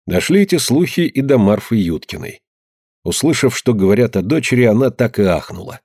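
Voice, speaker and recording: A man narrating an audiobook story in an even, measured way. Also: medium pitch, husky, no room sound, clean studio sound.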